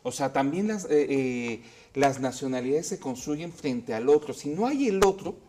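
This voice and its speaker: Male panelist, mellow and reflective. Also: medium pitch, expressive, moderate pace, a little hiss or hum. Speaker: academic panelist. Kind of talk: panel discussion.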